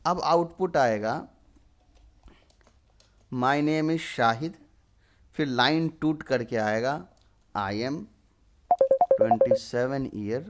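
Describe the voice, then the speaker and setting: A man's voice: medium pitch, extremely slow, pauses often, slight background noise. A young man in his twenties teaching programming, explaining step by step and answering his own questions. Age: 20s. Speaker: programming tutor. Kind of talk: screen-recorded coding lesson.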